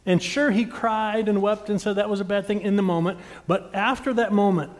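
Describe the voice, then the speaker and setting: A middle-aged male pastor with a high, bright-pitched voice delivers a sermon, putting questions straight to the congregation. He swells to loud emphatic peaks, then drops to near-quiet confiding passages. The sound rings with the long reverb of a large hall. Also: steady tone, moderate pace. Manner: dynamic, swings from loud emphatic lines to hushed intimate ones; talks directly to the congregation with questions.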